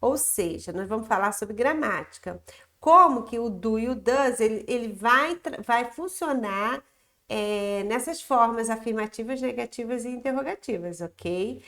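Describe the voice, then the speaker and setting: A woman with a Brazilian Portuguese accent teaching an English grammar lesson on video. She explains patiently, moves between Portuguese and English, and drills example sentences slowly and clearly. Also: a little high, expressive, a bit bright.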